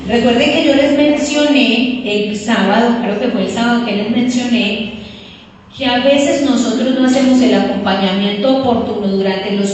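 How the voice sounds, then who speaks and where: A woman's voice: a little high, distant mic, slight background noise. Woman preaching in an echoey hall. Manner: addresses listeners as "queridos", animated storytelling. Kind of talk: sermon. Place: church hall.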